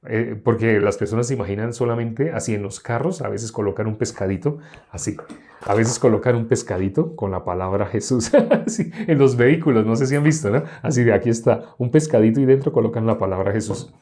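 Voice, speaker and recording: A man preaching a sermon, teaching with rhetorical questions and emphatic swings in pitch. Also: a little fast, warm tone.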